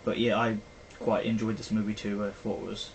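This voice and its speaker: A young British vlogger gives a brisk, rambling film review chat packed with fillers, speaking at a fairly low pitch with flat delivery. Sound quality is poor, and faint background noise can be heard.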